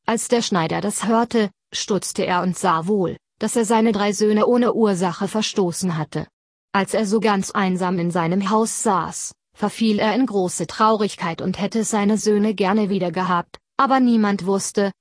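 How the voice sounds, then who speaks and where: A woman narrating a fairy tale in a calm, even storytelling manner. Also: mid-range voice, no echo, clean studio sound.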